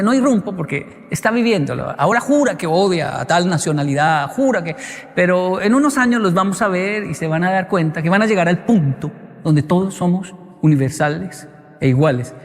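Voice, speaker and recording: A male motivational speaker giving a live talk, animated and acting out bits of dialogue as he answers an audience question. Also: high voice, moderate pace. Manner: animated storyteller who acts out dialogue. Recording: long hall reverb.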